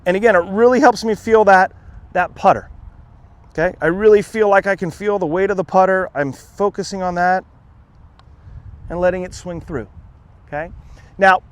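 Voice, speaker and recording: A man coaching golf putting outdoors on a green, talking in a relaxed way, often checking in with "okay?" and repeating himself as he demonstrates. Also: sits high, moderate pace, long pauses. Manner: relaxed, repeats "okay?" and "again", restarts words. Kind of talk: on-course instruction, demonstrating.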